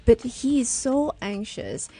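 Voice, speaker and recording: A woman's voice: medium pitch, animated, normal speed, a little mellow, husky. A woman psychologist, explaining and telling case stories as a regular guest in a radio studio.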